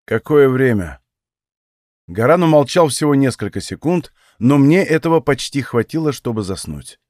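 A man narrating an audiobook in an expressive first-person storytelling voice. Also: medium pitch, moderate pace, no room sound, clean studio sound. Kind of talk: scripted narration.

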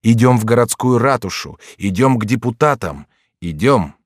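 A man reading the lines of an angry crowd of townsmen who shout accusations and demands. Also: medium pitch, lively intonation, normal speed, no echo, clean studio sound, pitched above the performer's own voice, natural voice. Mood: angry, demanding.

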